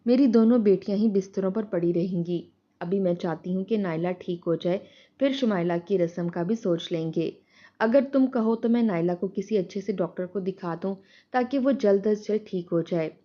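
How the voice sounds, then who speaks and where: A woman's voice: medium pitch, warm tone, highs cut off, lightly acted. A woman doing an anxious village mother. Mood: worried. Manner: pleading, fretful.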